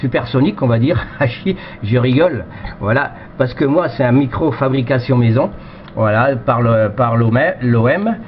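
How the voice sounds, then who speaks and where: Lively intonation marks this mid-range male voice at normal speed. He's a French amateur radio operator chatting casually and unscripted, rambling with plenty of verbal tags. He speaks through a cheap headset mic over a dull, noisy radio link.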